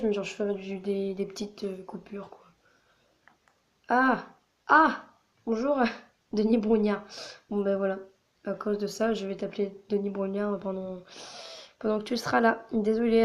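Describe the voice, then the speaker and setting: A woman with a hoarse voice chatting casually while playing a game, rambling with lots of filler words. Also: medium pitch. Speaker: channel host. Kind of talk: casual gaming vlog chatter.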